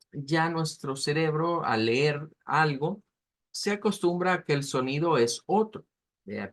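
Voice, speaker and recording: A man teaching an online language class, explaining step by step and slowly modeling pronunciation. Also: a little high, fairly bright tone.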